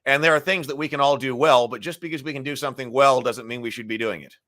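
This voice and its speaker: Sounding gravelly this morning, a middle-aged man runs a laid-back live stream, frequently clearing his throat and filling his thinking-aloud with fillers. His medium-pitched voice is steady, fast, pushed and bright.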